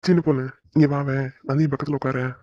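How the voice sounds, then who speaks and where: A man's voice: on the high side, steady tone, rapid-fire, warm tone, no echo, dull audio. Figure: a man voicing a tender young husband. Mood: tender, coaxing. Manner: tender, coaxing. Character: young husband, affectionate and teasing toward his wife. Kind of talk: cartoon voice acting.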